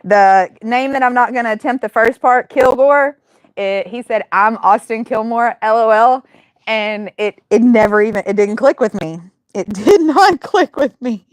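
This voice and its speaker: A woman in her thirties hosting a casual livestream Q&A, chatty and quick to laugh, with many fillers and restarts. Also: on the high side, clean tone, no room sound. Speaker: livestream host and firearms medical instructor.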